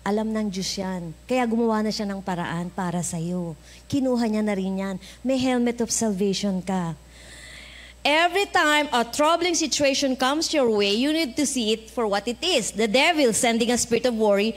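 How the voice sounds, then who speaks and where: Filipino woman pastor, high voice, lively storyteller who acts out dialogue. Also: normal speed. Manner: animated storytelling, acting out dialogue, laughing often. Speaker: preacher. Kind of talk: sermon. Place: church.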